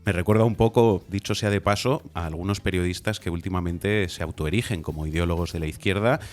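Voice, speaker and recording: A man with a very low voice, arguing his points critically as a regular on a political talk show. He lays out his case steadily and with an edge. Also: brisk, a little mellow, soft background music. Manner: critical, argumentative. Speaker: regular commentator.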